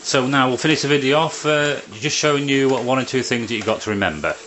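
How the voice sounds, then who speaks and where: A man's voice: medium pitch, fast, fairly bright tone, a little hiss or hum. A man presenting an informal how-to video, explaining hands-on work in a plain-spoken, step-by-step way. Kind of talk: informal hands-on tutorial narration. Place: indoors beside a printer.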